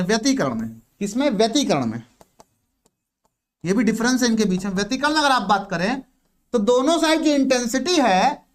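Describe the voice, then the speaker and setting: A male physics teacher gives a blackboard lecture in Hindi, posing questions, answering them himself, and repeating key terms. He often says "ठीक है," and his voice is very high-pitched and a bit bright.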